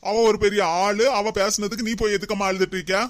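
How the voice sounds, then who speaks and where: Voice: medium pitch, little pitch movement, fast talker, close to an everyday voice. A performer voicing a dutiful young husband and son in a cartoon, with a Kanyakumari Tamil accent, who pleads and soothes but can turn firm. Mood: pleading. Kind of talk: cartoon voice acting.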